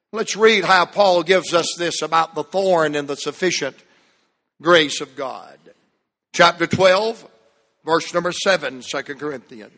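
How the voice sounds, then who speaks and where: Male pastor, slow deliberate sermon cadence, reverberant church hall. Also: sits high, sharp tone. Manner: emphatic preaching with dramatic pauses and falling phrase ends. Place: church sanctuary. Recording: long reverb of a large hall.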